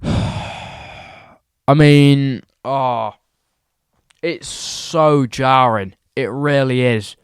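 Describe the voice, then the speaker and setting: A man's voice: mid-range voice, extremely slow, pauses often, clean tone, no echo, studio quality. A young man ranting about football results, exasperated and repeating his points for emphasis. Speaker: football vlogger.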